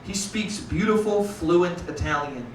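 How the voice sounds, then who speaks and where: A man's voice: high-pitched, a little slow, slight background noise. A young man performing a stand-up comedy set, talking casually, swearing and calling the crowd dude and bro. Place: comedy club stage before a laughing crowd. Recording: roomy live club sound from a distance.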